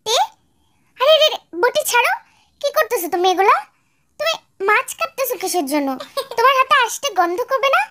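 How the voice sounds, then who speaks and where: একজন নারী কণ্ঠ দিচ্ছেন এক আদুরে তরুণ স্বামীর চরিত্রে, যে বউকে নরম সুরে ভুলিয়ে-ভালিয়ে কথা বলে। গলাটা খুব উঁচু আর মোলায়েম।. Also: female voice, very high voice, expressive, fairly quick, long pauses, exaggerated voice. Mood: coaxing. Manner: soft, coaxing, sweet-talking. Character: doting young husband, younger son. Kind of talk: fan-dub radio drama.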